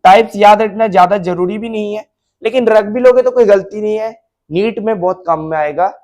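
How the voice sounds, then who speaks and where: A man's voice: high voice, brisk, a little mellow. A male biology teacher lecturing at a board, mixing Hindi and English, repeating key terms and checking that students follow.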